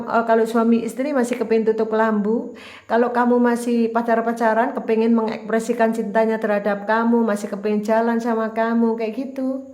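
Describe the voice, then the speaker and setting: A woman's voice: fairly high pitch, darkish tone. A woman giving a casual tarot reading, talking straight to the viewer in a chatty, repetitive way. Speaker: tarot reader. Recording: roomy echo.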